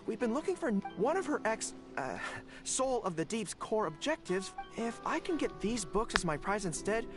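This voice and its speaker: A woman's voice: medium pitch, very animated, moderate pace, lightly acted. A woman voicing an earnest young male general in a video game, boyish, polite and prone to stammering. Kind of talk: video game character acting. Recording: music behind the voice.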